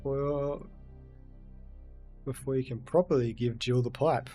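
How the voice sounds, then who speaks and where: A man streams a video game in casual let's-play style, chatting with viewers and reading and answering their messages aloud. His medium-pitched voice is dark and steady, taking things slowly over soft background music.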